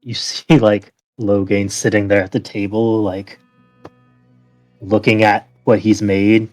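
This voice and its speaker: Male game master, lowish voice, casual tabletop narration over faint music. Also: little pitch movement, takes it slowly, darkish tone, no echo. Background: background music.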